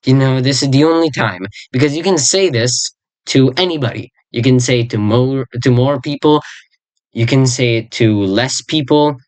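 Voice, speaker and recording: Teaching a made-up language casually, the speaker drifts from point to point, stumbles for words, corrects themselves, and repeats words slowly. Their mid-range voice is a little mellow, and the recording is dry.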